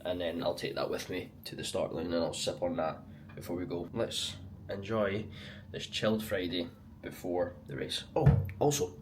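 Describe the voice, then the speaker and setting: Low-voiced Scottish man vlogging over clear noise. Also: steady tone, moderate pace, few pauses. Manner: chatty, colloquial. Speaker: vlogger, amateur marathon runner. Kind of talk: casual vlog chat. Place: on the move around a city, partly outdoors. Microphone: handheld action camera.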